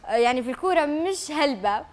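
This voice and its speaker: Brisk Libyan woman hosting a morning show. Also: sits high, lively intonation, a little hiss or hum. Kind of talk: live TV talk show.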